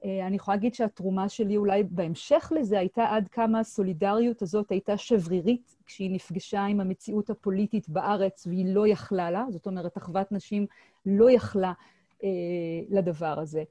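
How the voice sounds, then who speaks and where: A middle-aged woman presents her historical research at an online seminar, speaking hesitantly with frequent filler sounds and restarted phrases. Her medium-pitched voice is warm and mellow, with fairly even intonation. Heard through a computer mic on a video call, the sound is dry and close with no echo.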